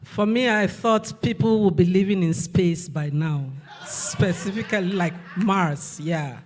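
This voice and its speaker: A speaker in their sixties talking in a relaxed group discussion, halting and laughing between short phrases. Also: medium pitch, a little hiss or hum. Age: 60s.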